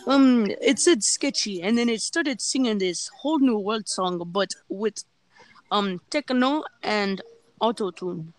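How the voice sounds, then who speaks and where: A woman's voice: mid-range voice, a little slow, dry recording, rough recording. A woman chatting playfully on a podcast call and teasing the others. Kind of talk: casual chat.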